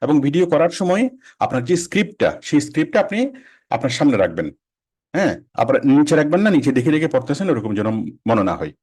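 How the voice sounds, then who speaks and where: A man teaching a casual online class, quick and conversational, repeating and restarting phrases. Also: on the high side, big pitch swings, a little mellow. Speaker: freelancing instructor.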